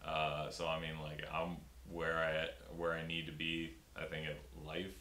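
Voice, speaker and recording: A very deep, sharp-toned male voice drones in a monotone at an unhurried pace. The speaker is a young stand-up comedian being interviewed casually, often restarting and using fillers. Shot upper-body on a fixed camera in a small room before a pink backdrop, the sound is roomy with slight hiss.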